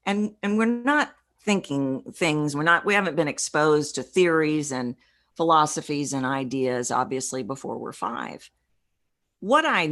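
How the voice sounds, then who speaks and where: Woman, low voice, middle-aged, earnest and reflective, interview guest. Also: fairly bright tone. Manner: earnest, reflective, with halting restarts. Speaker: podcast guest, voice coach. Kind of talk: personal storytelling in an interview.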